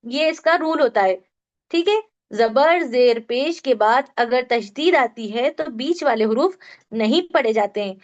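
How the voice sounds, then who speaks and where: A woman's voice: high voice, dull audio. A woman teaching a Quran recitation class online, explaining rules patiently step by step and quizzing her students. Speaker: tajweed teacher.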